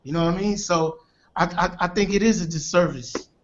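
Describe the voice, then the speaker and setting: A man's voice: high voice, brisk, muffled recording, a little hiss or hum. Man from New York on a choppy remote call. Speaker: guest, former basketball player. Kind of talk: casual sports commentary.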